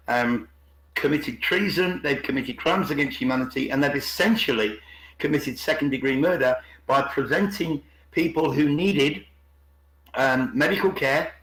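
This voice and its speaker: On an online group call from indoors, a man with a medium-pitched, fairly bright voice joins an unscripted, opinionated discussion, often repeating words and restarting. The call audio is roomy and echoing.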